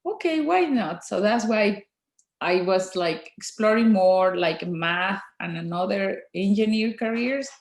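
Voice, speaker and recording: A woman in her forties from Mexico with a Mexican Spanish accent, a native Spanish speaker, answering interview questions as a guest dentist in a soft, halting way with many fillers. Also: mid-range voice, animated, roomy sound.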